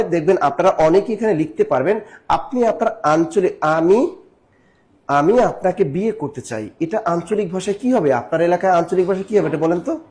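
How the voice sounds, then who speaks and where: A man's voice: high-pitched, darkish tone. A man from Barishal, Bangladesh, teaching a live exam-prep class. He repeats key points and keeps asking his listeners questions. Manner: repetitive, drilling, asks the audience questions.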